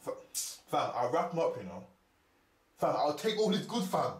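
An actor playing an angry young street hustler, heated and swearing on the phone. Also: male voice, on the high side, big pitch swings, moderate pace, echoey room. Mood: furious. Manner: heated, swearing, slang-heavy.

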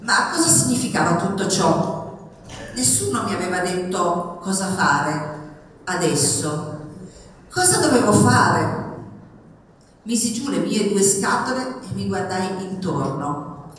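A woman reading passages of a memoir aloud at a public event, expressive and rising in pitch on the lively parts. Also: slow pace, pauses often, a little hiss or hum. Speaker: reader at a book event. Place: public event in a reverberant hall. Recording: echoey hall, mic far off.

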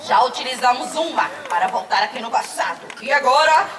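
A woman's voice: sits high, animated, brisk. A woman playing an earnest, fussy inventor's assistant in a declamatory children's stage play. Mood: anxious explaining. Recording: distant echoey stage, loud music and crowd.

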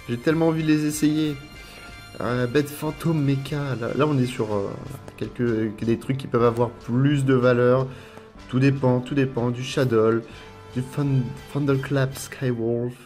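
Casting: French guy, casual rambling unboxing commentary, mid pitch, faint music underneath. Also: a little mellow. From France. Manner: rambling, repeats words, lists card names. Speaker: YouTuber unboxing trading cards.

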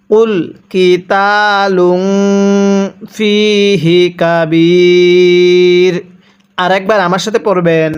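A man teaching Quran reading by spelling, reciting words slowly and explaining the rules quickly in between, asking listeners to repeat after him. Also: sits high. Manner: slow drawn-out recitation alternating with rapid explanations; calls on listeners to read along with him.

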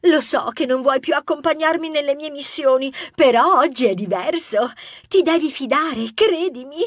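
Woman voicing a very high-pitched mouse lady, shrill, pushy, dry close sound. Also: moderate pace, dry recording, lightly acted. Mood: insistent. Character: bossy loud female mouse detective neighbor. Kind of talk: audiobook character voice.

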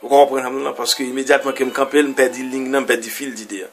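A man preaching as a pastor, reading verses aloud and explaining them in loose, halting phrases. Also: medium pitch, little pitch movement, soft background music. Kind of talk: sermon reading and explaining scripture.

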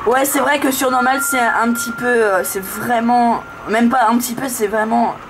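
A woman giving casual, excitable horror game commentary, urging the player on. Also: normal speed. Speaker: gaming video host. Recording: noisy room, low-grade camera audio.

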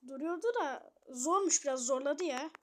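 A young woman casually commenting on her gameplay, muttering to herself and then shouting at opponents. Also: sits high, normal speed, slight background noise. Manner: chatty, swings between muttering and loud outbursts at opponents. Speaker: gamer streamer.

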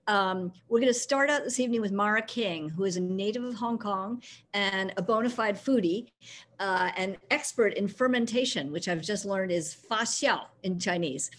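A middle-aged woman moderating an online panel from her living room over a video call, upbeat and brisk with frequent ums. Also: medium pitch, a little hiss or hum.

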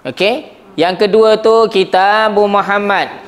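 A man with a high voice lectures a grammar class in a lively way. He keeps stopping to check that his students follow. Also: takes it slowly. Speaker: Arabic grammar teacher.

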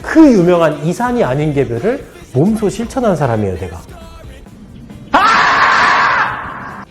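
Man, animated storyteller, lively swinging pitch, army anecdote, acts out the other voices. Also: brisk, loud music behind the voice. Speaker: former army officer sharing advice.

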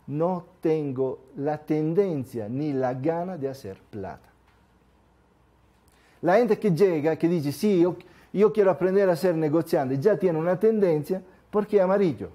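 Male lecturer, slightly high mellow voice, lively, acts out examples for the crowd. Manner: lively, asks the audience rhetorical questions. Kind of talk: live lecture to an audience.

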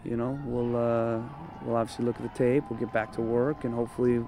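A man in his thirties, a head coach, giving a measured postgame interview outdoors at night, with lots of "you know" and "um" as he thinks. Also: medium pitch, little pitch movement. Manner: thoughtful, measured, frequent fillers. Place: outdoors at a training field at night. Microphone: handheld interview mic held close.

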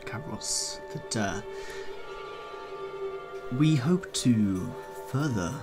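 A woman voicing a smooth-talking male bard who flatters in flowery, hesitant phrases. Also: rumbling low, very slow, music in the background, full character voice. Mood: flattering.

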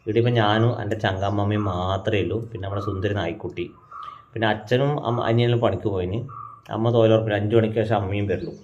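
A man's voice: on the low side, fairly even intonation, fast talker, slight background noise. A young man with a North Malabar Malayalam accent, chatting casually to viewers in a family vlog at home and explaining things as he goes. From Kannur, Kerala. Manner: chatty, explains things to viewers, calls out loudly to his grandmother. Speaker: family vlogger. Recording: dull lo-fi sound.

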